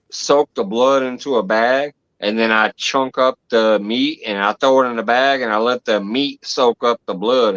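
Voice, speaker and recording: A man's voice: on the low side, a bit bright, dry recording. A man chatting casually, rambling on and laughing often. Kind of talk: casual chat. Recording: dry, muffled sound.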